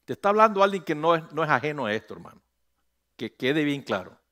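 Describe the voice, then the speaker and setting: A man's voice: a little high, big pitch swings, fast, a bit bright. A middle-aged man, a pastor preaching a sermon, calling on the congregation to repeat after him and rising to emphatic peaks.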